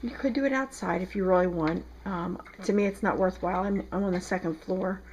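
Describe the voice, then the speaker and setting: A woman's voice: fairly low pitch, a little fast, darkish tone, a little hiss or hum. A woman with a South Jersey accent, chatting casually through a home tutorial as a soap maker in her kitchen, with frequent ums. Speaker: soap maker demonstrating a recipe. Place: home kitchen, second floor.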